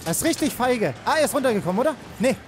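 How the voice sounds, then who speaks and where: Young guy w very high voice yelling play-by-play over loud game music, says everything 3 times. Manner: excitable, repeats words rapidly, mixes in English slang. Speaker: let's player. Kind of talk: live gameplay commentary.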